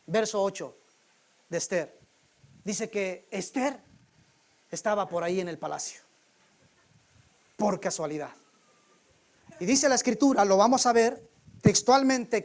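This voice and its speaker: A man preaching a sermon in a church, telling the story in a colloquial, humorous way. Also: high-pitched.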